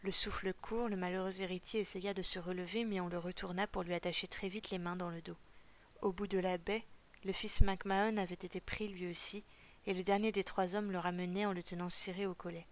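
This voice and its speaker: A woman reading a novel aloud for a podcast in a calm, steady storytelling voice. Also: lowish voice, brisk. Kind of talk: audiobook reading.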